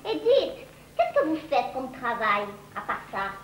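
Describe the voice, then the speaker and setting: A woman's voice: sits high, wildly swooping pitch, measured pace, roomy sound, slight background noise, heavily acted. An actress playing a chatty young woman with a pied-noir accent, a typing student who talks familiarly and exclaims a lot. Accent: pied-noir French. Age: young adult.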